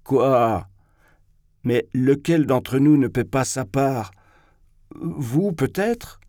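A man reading a novel aloud, voicing a shrill, spiteful young man who sneers and takes offence quickly. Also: expressive, a little mellow, dry recording, clean studio sound, close to an everyday voice. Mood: indignant. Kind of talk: audiobook character reading.

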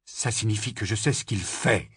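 A man's voice: lowish voice, moderate pace, a bit bright, slightly rough, no echo, studio quality. A man voicing a weary, defensive teenage boy. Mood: guarded.

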